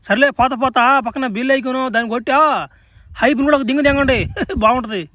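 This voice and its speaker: A man's voice: extremely high pitch, fairly even intonation, fast, a bit bright. A man performing a comic sketch, trading crude slangy banter with frequent laughter.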